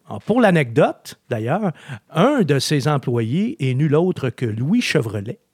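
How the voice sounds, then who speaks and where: A man's voice: a little high, measured pace, slightly rough, no echo. Male podcast host, chatty storyteller, dry close mic. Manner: chatty storyteller, animated, with frequent filler words. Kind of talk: casual podcast chat.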